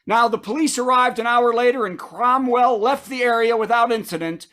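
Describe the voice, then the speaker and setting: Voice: medium pitch, normal speed, a bit bright. Comedian host delivering punchy late-night monologue jokes. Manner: sets up news items then delivers punchlines, with asides to the audience.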